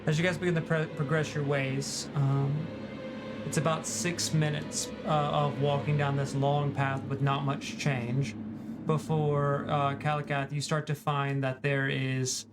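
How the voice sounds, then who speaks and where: A man's voice: on the high side, flat delivery, a little slow, over music. A man running a tabletop game as game master, describing scenes with frequent restarts and fillers.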